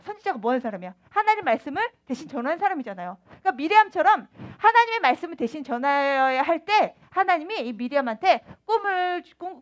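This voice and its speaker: High, lively woman preaching to kids. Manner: lively, quizzing the children and acting out scenes. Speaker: children's ministry preacher. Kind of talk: sermon for children.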